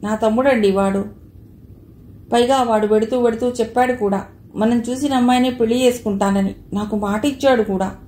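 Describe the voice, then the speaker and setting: A woman's voice: a little high, fairly even intonation, fairly quick, warm tone, close to an everyday voice. Proud elder sister, as a woman reader puts her on. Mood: proud, sure. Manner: confident and boastful. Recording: echoey room.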